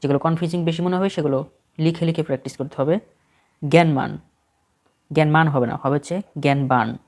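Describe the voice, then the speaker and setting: A man's voice: a little high, a little fast, a little mellow. A man with a Bangladeshi Bengali accent reads a spelling list aloud for exam prep, steadily correcting each word in short phrases.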